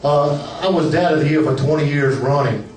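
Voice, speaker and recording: An older man doing a stand-up set in a comedy club, nervous and self-deprecating, with a halting delivery. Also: fairly high pitch, darkish tone, slight background noise. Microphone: camera out in the audience. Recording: roomy club, distant camera mic, laughing crowd. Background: audience laughter.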